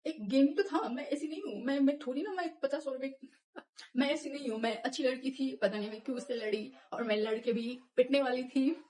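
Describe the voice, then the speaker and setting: A young woman vlogger telling a personal story in casual chat, animated and laughing often, acting out what people said. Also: sits high, fairly quick, slight background noise. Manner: animated, laughs often, acts out quoted lines.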